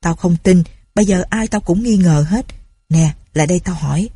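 Woman doing a gruff suspicious old village chief. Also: lowish voice, moderate pace, mellow, a little hiss or hum, close to an everyday voice. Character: stern older male village chief, suspicious.

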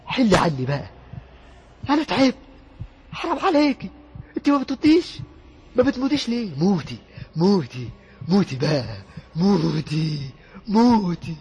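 A man voicing a terrified young man in an Egyptian accent, pleading and cursing at a ghost in a frantic, shrill voice. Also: darkish tone, husky, full character voice. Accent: Egyptian Arabic.

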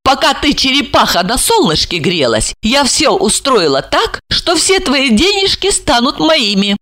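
A woman's voice: high-pitched, big pitch swings, unhurried, a bit bright, voice pushed up, exaggerated voice. A woman reading aloud, voicing a scheming young woman who taunts and mocks her victim. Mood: taunting. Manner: sneering, taunting.

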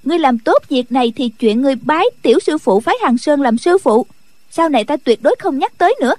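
A woman's voice: high-pitched, lively intonation, fast talker, a little mellow, no room sound. A woman voicing a mischievous young girl who teases and bosses others in a martial-arts audiobook. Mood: teasing. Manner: playful and bossy.

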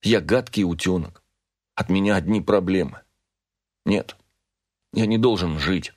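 A man voicing a despairing young son who speaks quietly, tired and resigned, read as an audiobook character. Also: low voice, a little slow.

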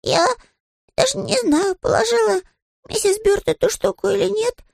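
A man voicing a small, polite young male bear who is earnest and naive, in a squeaky, innocent way. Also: normal speed, creaky, dry recording, clean studio sound, exaggerated voice.

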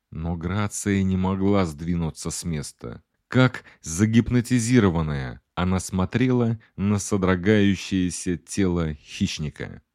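A man reads an audiobook in the first person, laying out the story in an unhurried, dramatic way. His voice sits on the low side, and the recording is close and dry with no room sound. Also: a little mellow, no echo. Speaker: audiobook narrator.

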